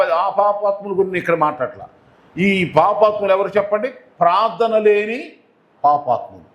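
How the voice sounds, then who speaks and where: A man preaching with a high, ringing voice that bounces around an echoey room. He hammers key words over and over and throws questions out to his listeners. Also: muffled recording. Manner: repetitive, emphatic preaching with call-and-response questions. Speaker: pastor. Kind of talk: Telugu sermon.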